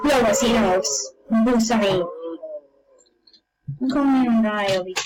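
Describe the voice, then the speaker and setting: A woman giving casual gameplay commentary, playful and excitable, with sudden yelps and silly sing-song bits. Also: fairly high pitch, background noise. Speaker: gameplay video maker.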